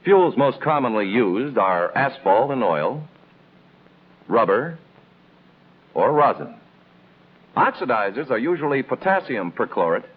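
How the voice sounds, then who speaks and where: An American man with a mid-range voice reads scripted instructional narration styled like a 1950s military training film, explaining in a measured, didactic way with clear emphasis. The sound is a tinny, band-limited old film soundtrack with noise.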